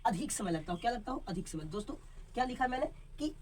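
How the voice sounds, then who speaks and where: A man's voice: extremely high pitch, lively intonation, fast talker. A male teacher gives a class lesson at a board, quizzing his viewers and checking "okay?" after almost every line. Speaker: Hindi teacher. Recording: voice a bit far from the mic, faint background noise.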